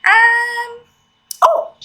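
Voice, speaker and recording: A woman playing a cheery female Christmas elf who leads a children's exercise class, with a squeaky, slightly hoarse voice and a chirpy, coaxing manner. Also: fairly even intonation, drawn-out words, pushed and bright, full character voice. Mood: cheerful. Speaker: fitness instructor.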